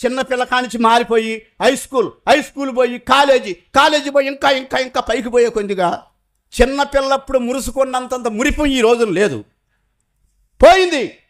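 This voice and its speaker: Male preacher, high-pitched voice, middle-aged, dramatic swings from forceful to hushed, rhetorical sermon delivery. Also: a little fast. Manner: emphatic, rhetorical questions, swings from loud to hushed.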